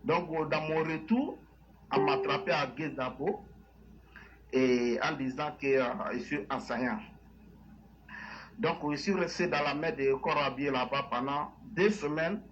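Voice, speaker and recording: Ivorian man, halting English-tinged French accent, lo-fi. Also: on the high side, a bit bright. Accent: Ivorian French with an English-sounding tinge. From Man, western Côte d'Ivoire. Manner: halting, repeats phrases. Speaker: caller to a live show. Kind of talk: personal testimony in halting, informal French. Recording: dull lo-fi call, faint noise.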